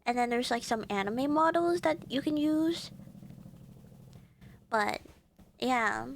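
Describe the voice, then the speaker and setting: A woman's voice: a little high, expressive, slow, creaky, a little hiss or hum. A woman streaming live in casual chat, giddy and rambling with lots of fillers, sounding congested.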